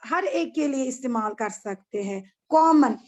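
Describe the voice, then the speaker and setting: A woman's voice: sits high, expressive, a little slow. A woman with an Indian accent teaching an online class over a video call, patient and repeating things, asking her pupils checking questions.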